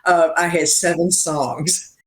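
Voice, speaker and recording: A man's voice: a little high, little pitch movement, slow, fairly bright tone. An older songwriter from Richmond, Virginia, telling his story as a guest in an interview, acting out quoted dialogue and laughing at his own jokes. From Richmond, Virginia, USA.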